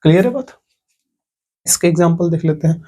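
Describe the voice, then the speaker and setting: A man's voice: fairly high pitch, brisk, dark tone, husky. A man teaching a maths lesson online, explaining step by step and asking the class questions. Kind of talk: online lecture.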